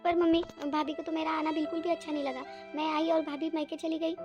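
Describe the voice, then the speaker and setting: A woman's voice: high-pitched, little pitch movement, fast talker, muffled recording, music in the background, lightly acted. A woman voicing a tearful young married daughter in a cartoon, weepy and self-pitying. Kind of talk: cartoon voice acting.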